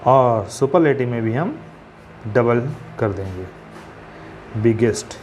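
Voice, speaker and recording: A man gives a patient classroom grammar lesson at a middling pitch. He poses questions and answers them himself, spelling words out letter by letter. A faint noise sits under the recording. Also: lively intonation, slow, a little mellow. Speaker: English grammar teacher.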